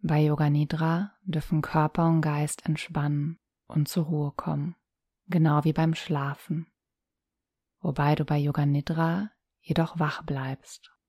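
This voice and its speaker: A yoga nidra guide leads a relaxation in a low, even voice that hardly shifts in pitch, soft, breathy and soothing. She gives calm instructions separated by long pauses. The recording is very dry and close, with no room sound.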